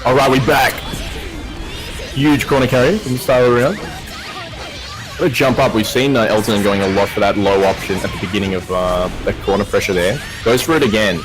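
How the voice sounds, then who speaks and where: A man's voice: on the low side, normal speed, music in the background. A man calling fighting-game matches as play-by-play commentator, hyping the action as it happens. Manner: hyped call of the action. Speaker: esports commentator.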